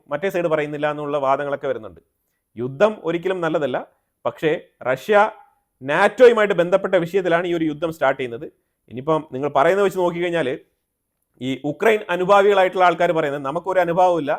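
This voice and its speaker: A man with a Malayali accent and a voice on the high side delivers explanatory news commentary. He often rephrases himself and mixes English terms into his speech.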